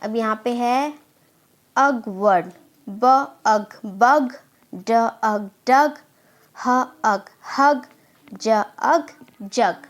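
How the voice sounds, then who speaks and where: A woman, teaching a phonics lesson and slowly sounding out letters before blending them into words. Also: a little high. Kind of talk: slow phonics drill.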